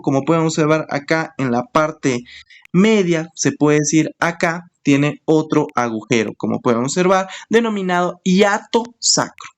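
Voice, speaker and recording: A man teaching an anatomy lesson. He explains step by step, repeats key terms for emphasis and keeps checking in with his students. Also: on the high side. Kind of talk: screen-share anatomy lesson.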